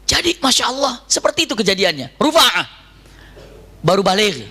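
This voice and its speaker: A man preaching a storytelling sermon in an animated way, often putting questions to his listeners. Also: high voice, normal speed, vocal fry. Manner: animated, asks the audience questions.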